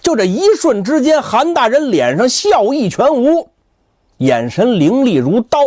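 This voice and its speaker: Animated male storyteller. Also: very high-pitched, a little slow, no echo, clean studio sound. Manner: animated, addresses the listener directly. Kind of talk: traditional Chinese storytelling.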